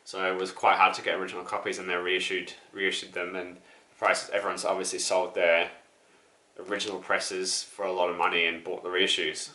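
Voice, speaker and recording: A man's voice: deep voice, monotone, brisk, sharp tone, reverberant. A man, chatting casually about his record collection with many fillers and restarts. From New Zealand. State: out of breath, still sick. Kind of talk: casual show-and-tell chat.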